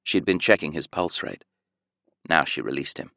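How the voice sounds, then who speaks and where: A man reading an audiobook in a measured, expressive storytelling manner. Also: a bass voice, creaky, dry recording, clean studio sound. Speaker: audiobook narrator. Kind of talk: scripted audiobook narration.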